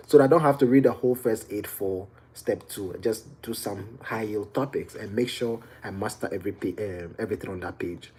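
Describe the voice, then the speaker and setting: Answering viewers' exam-study questions, a young man from Ghana speaks with a Ghanaian accent and a dark-toned, medium-pitched voice. The casual Q&A walkthrough, recorded at home by the kitchen, has this medical exam tutor chatting with many fillers and restarts.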